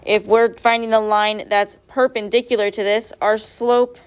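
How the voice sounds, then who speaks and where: A woman's voice: mid-range voice, little pitch movement, a little slow, smooth. A woman teacher going over quiz answers step by step in a classroom, asking her students questions as she goes. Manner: patient, step-by-step, quizzes students. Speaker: math teacher.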